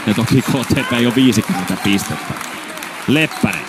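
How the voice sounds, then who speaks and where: A man's voice: fairly low pitch, a loud crowd, very noisy. A man doing live play-by-play basketball commentary, rattling off player names and bursting out on big plays. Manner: rapid name calls, bursts of excitement on baskets.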